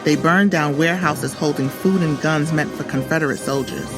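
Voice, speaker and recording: Background music plays beneath a woman's deep voice as she reads a scripted story for children, narrating at normal speed.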